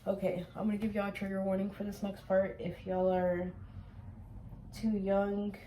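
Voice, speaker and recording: A woman's voice: medium pitch, completely flat delivery, moderate pace, dark tone, a little hiss or hum, rough recording. A young woman telling a personal story to her viewers in a casual, rambling way, full of "um" and "like". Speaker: storytime vlogger.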